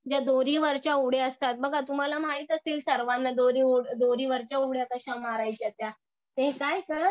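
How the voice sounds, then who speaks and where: High-voiced Marathi teacher explaining a text. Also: female voice, dry recording, muffled recording. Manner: reads a line, then explains it in plain words with rhetorical questions. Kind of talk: explaining a textbook lesson to a class.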